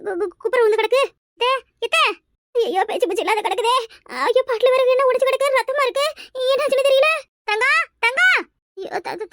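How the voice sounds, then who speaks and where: A frantic young daughter-in-law wails and accuses in a cartoon, played by a woman. The voice is very high and sharp, quick-paced, recorded dry and close. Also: no echo. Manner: panicked, wailing, accusing. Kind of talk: cartoon voice acting.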